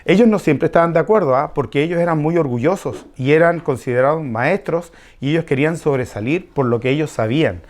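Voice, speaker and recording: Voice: mid-range voice, a little fast, hardly any pauses, a little mellow. A preacher teaching a Bible passage to a congregation, repeating key phrases and asking them questions. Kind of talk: expository Bible study sermon.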